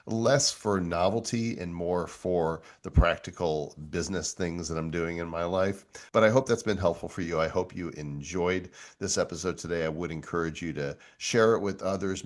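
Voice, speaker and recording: A middle-aged man with a very low voice hosts a tech show. He talks in a relaxed, conversational way, easily amused as he walks through a demo. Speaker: show host. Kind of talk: casual tech walkthrough.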